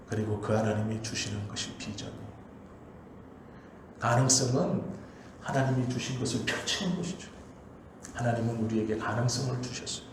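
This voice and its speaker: Male pastor, sermon, emphatic repeated urging, pulpit mic, heavy church-hall echo, faint hum behind. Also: mid-range voice. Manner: emphatic, repetitive exhortation. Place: church sanctuary.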